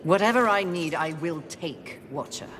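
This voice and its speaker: A woman's voice: on the low side, moderate pace, noisy background, close to an everyday voice. A woman playing haughty Fury, scornful horseman warrior. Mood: menacing. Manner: imperious, dry, contemptuous. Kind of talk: video game cutscene acting.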